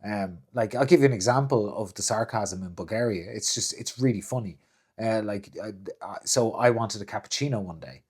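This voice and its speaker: A young adult Irish man in casual conversation, telling animated stories and acting out what others said. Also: lowish voice, a little fast, breathy edge. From Ireland. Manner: animated storyteller, mimics others' voices. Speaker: co-host. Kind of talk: casual chat.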